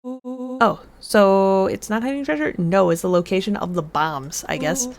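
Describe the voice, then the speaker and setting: A woman's voice: mid-range voice, a little slow. A woman streamer casually reading game dialogue aloud in a playful, joking way, adding asides. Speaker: game streamer voicing characters. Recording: with faint game music behind. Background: faint game music.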